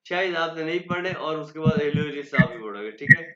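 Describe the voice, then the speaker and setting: A man teaching a German class online, patiently repeating words slowly for pronunciation. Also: a little high, animated, a loud crowd. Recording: echoey lo-fi online class audio.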